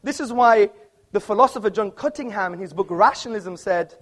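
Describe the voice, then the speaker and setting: A man's voice: high voice, brisk, fairly bright tone. A man giving an argumentative opening speech in a formal debate, speaking on stage in an auditorium before a live audience. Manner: emphatic, argumentative, quoting books.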